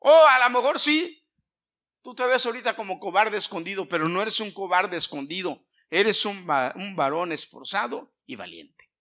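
High, bright-voiced preaching pastor. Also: male voice, expressive, normal speed. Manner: preaching with rising emphasis, drops to quiet asides; asks the congregation questions, sings snatches of a hymn. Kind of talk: sermon.

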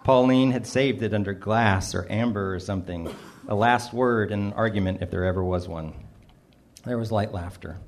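A man's voice: lowish voice, moderate pace, a little hiss or hum. A middle-aged man reading his own humorous personal essay aloud, with a dry, self-mocking delivery. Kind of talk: first-person storytelling, wry and humorous.

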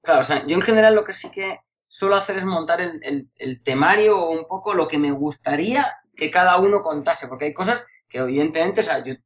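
A man's voice: fairly high pitch, a little fast, few pauses. A man, a course instructor chatting casually, rambling and interrupting himself with colloquial asides. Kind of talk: casual podcast chat.

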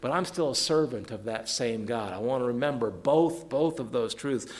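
A man's voice: mid-range voice, expressive, moderate pace, darkish tone. A man leading an evening Bible study, reading verses aloud with emphasis and quizzing listeners by name, often repeating words as he restarts.

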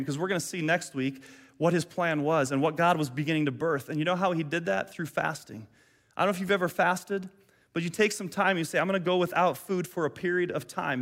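A middle-aged male pastor preaching a sermon earnestly, swinging between fervent emphasis and soft, reflective moments. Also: a little high.

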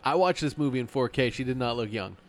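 A man's voice: medium pitch, animated, fast, faint music behind. A man co-hosting a casual movie chat, rambling as he circles around his point.

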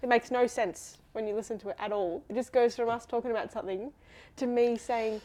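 A woman with an Australian accent co-hosting a podcast, chatting casually and telling stories in an animated, giggly way. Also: fairly high pitch, a little fast. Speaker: podcast co-host.

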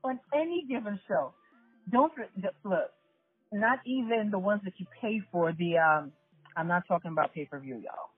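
A woman in her thirties or forties from the New York area, hosting a casual chat and telling stories in an animated way. She laughs often and talks straight to her listeners. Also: medium pitch, normal speed, husky, dry recording. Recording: tinny phone-like line, dry, faint music.

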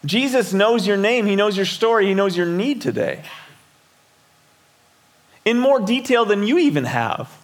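A man's voice: high voice, expressive, unhurried, long pauses. A middle-aged man preaching a sermon as a pastor in a conversational way, often repeating words and asking the listeners questions.

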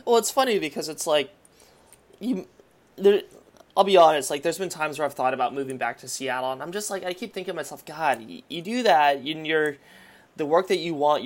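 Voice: medium pitch, brisk. A film industry worker in a casual podcast chat, talking in a chatty way, with lots of "like" and restarts mid-sentence.

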